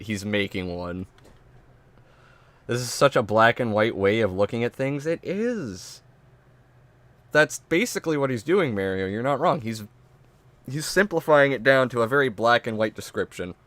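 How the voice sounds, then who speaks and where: A man's voice: medium pitch, fairly bright tone, no echo. A man streaming a reaction, ranting bluntly and swearing often, stumbling over his words. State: stuttering, drinking an energy drink. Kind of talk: casual profane reaction commentary.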